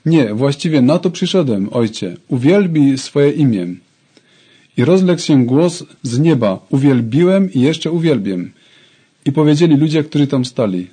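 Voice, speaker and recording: A man's voice: on the high side, dark tone, husky. A man preaching a sermon, fervently addressing his congregation.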